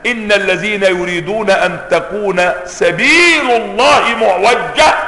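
Male preacher, high ringing voice, fervent repetitive delivery, recorded in a reverberant hall. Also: moderate pace, gravelly, bright, forceful tone. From Egypt. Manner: impassioned, emphatic, repeats phrases for force. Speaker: preacher giving Quran commentary. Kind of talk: sermon. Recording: echoey hall with long reverb.

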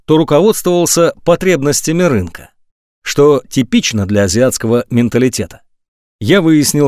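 A man's voice: no echo, clean studio sound. A man narrating a nonfiction audiobook in a scripted, emphatic reading style. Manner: lively, emphatic reading with wide swings of pitch.

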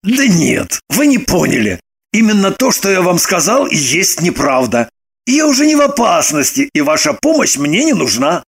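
An actor playing an excitable young man who bursts into shouts and pleads desperately. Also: sits high, normal speed, creaky, husky, heavily acted. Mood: confessing. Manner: loud, shouting outbursts.

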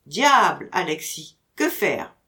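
A woman playing a teasing, witty gentleman master. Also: low voice, huge pitch swings, takes it slowly, voice pushed down, heavily acted. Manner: teasing, mock-stern banter. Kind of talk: audiobook character reading.

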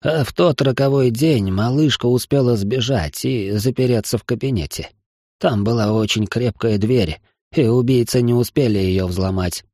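A man's voice: mid-range voice, normal speed, a little mellow, no echo, studio quality, close to an everyday voice. A man voicing a weary, guilty old doctor. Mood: grim. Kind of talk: audiobook character voice.

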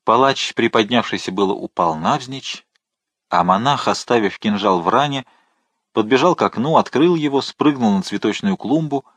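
A man narrating a novel in a steady, measured audiobook reading. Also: mid-range voice, no echo. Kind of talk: scripted narration.

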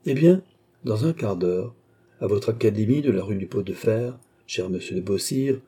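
A cool, mocking masked nobleman who wins every exchange with polite barbs, as a man reads him aloud. The voice is very dark and a little husky. He stays calm and amused, never raising his guard. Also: fairly low pitch, moderate pace. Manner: smooth, ironic, polite needling. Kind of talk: audiobook character reading.

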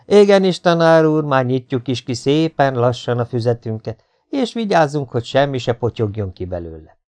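Brief: mock-eager sarcastic teen student, put on by a gravelly male reader, jumps up high. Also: lively intonation, a little mellow. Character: sarcastic teenage student mocking the teacher.

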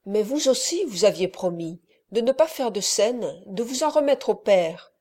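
A woman's voice: fairly high pitch, animated, measured pace, mellow. A woman voicing a frightened young woman who pleads in a raised, tearful tone. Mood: pleading.

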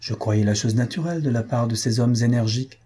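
A man's voice: mid-range voice, a little fast, warm tone, breathy edge, natural voice. A man reading the lines of a proud, guarded noblewoman in a cool, composed way.

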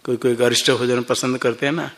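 A man's voice: mid-range voice, flat delivery, brisk. A man teaching a classroom Sanskrit grammar lesson, explaining each form step by step and quizzing his students as he goes. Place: ashram classroom.

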